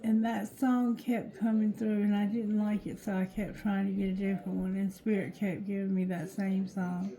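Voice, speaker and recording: A tired, drowsy woman doing a casual card reading, with thick-tongued, slightly slurred speech and a halting, repetitive delivery. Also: medium pitch, level tone, dark tone, rough recording. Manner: slow, halting, repeats phrases. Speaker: tarot reader.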